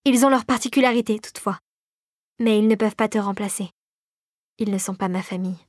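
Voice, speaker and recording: A woman reading the lines of a gentle, wistful fairy regent in an audiobook, speaking softly and fondly of old times. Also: mid-range voice, a little fast, no room sound, studio quality, lightly acted.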